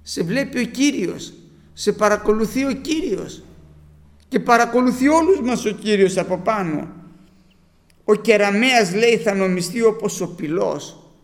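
A man's voice: sits high, lively intonation, in a large hall. A man preaching a sermon, quoting scripture emphatically and firing off rhetorical questions.

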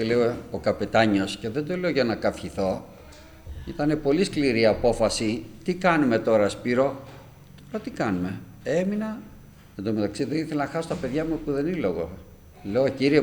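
An older man giving a fervent, emotional personal testimony to a church congregation, with sudden loud peaks. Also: mid-range voice.

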